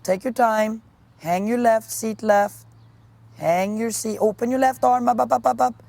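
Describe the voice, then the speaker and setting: A woman coaching a riding lesson live, giving brisk, projected commands in short, repeated phrases. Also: on the high side, darkish tone, no room sound.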